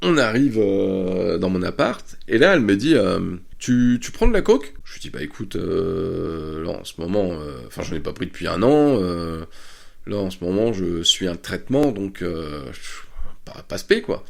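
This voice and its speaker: Gravelly low-voiced man telling stories. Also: lively intonation, measured pace. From France. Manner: crude, chatty, laughing often. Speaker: podcast host. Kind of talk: casual storytelling. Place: Bordeaux area.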